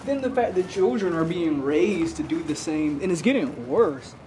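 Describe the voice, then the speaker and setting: A young college student chats while walking outdoors at night, rambling and laughing between his thoughts. His voice sits high. Passing traffic fills the street behind him on a handheld camera. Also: lively intonation, normal speed, mellow, poor audio. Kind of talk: casual chat while walking.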